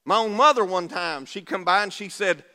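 Male preacher, Appalachian accent, forceful bright tone, plain-spoken and conversational, recorded in a reverberant hall. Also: high-pitched, normal speed. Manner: folksy, conversational, asks the congregation rhetorical questions. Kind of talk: sermon. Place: large reverberant room, preaching to a congregation.

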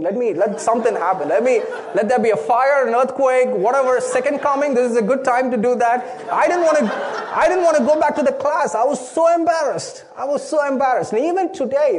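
The pastor's voice is extremely high in pitch with a darkish tone. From Chennai and a native Tamil speaker with an Indian accent, he earnestly preaches a sermon around a personal story, often restarting phrases by repeating their opening words.

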